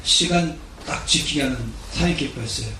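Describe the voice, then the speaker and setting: A man's voice: on the high side, a little fast, pushed and bright, recorded from a distance, slight background noise. A man in his sixties, a pastor giving a sermon, telling his story earnestly. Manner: earnest storytelling, acting out quoted speech. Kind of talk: sermon with personal testimony. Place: large church hall. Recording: echoey hall recording from afar.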